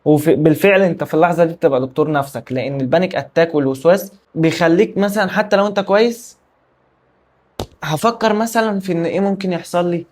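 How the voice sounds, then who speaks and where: A man with an Egyptian Arabic accent talks to his viewers in a quick, somewhat high voice. He rambles and circles back on his points, breaking off mid-word. He sounds tired and anxious, like someone opening up in a casual confessional vlog. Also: a little mellow. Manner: rambling, repetitive, candid, trails off mid-word. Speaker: vlogger.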